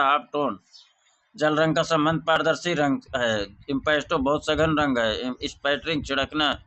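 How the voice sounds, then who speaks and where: A man teaching an exam revision lesson, reciting questions and answers in a steady drilling way. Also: on the high side. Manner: softer, chatty sign-off to viewers.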